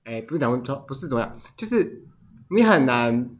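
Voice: medium pitch, sing-song, moderate pace. A podcast co-host with a Taiwanese Mandarin accent, chatting casually, giggling and quoting people dramatically. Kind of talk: casual chat.

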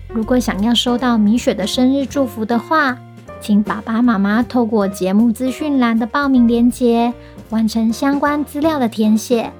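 A woman with a Taiwanese accent speaks in a high voice, as if reading to a toddler. She talks straight to little listeners as a children's storytelling host. Music plays behind her. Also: darkish tone.

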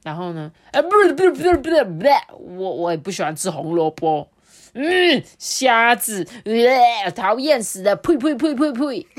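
A woman's voice: a little high, big pitch swings, moderate pace, pitched above the performer's own voice. A woman voicing a bratty, picky, childlike cooking pot that whines and sulks in a storybook. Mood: whiny. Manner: whiny, sulky, spitting out food.

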